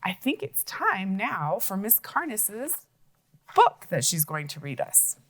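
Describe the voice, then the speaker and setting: A woman's voice: mid-range voice, huge pitch swings, slow, a bit bright. A woman teacher walking young children through a logic puzzle, thinking aloud and asking them questions.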